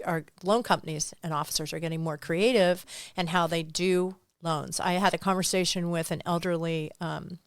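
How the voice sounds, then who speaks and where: Chatty lower-voiced middle-aged woman. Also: clean tone, no echo, studio quality. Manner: chatty, laughs often, rambling asides. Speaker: real estate agent and coach. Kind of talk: casual interview chat.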